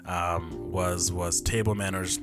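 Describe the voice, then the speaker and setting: Over loud music, a man in his twenties with a low, steady voice talks slowly on his solo podcast about growing up. He recounts childhood memories casually, rambling and fixing his words as he goes, and the audio comes from a camera mic.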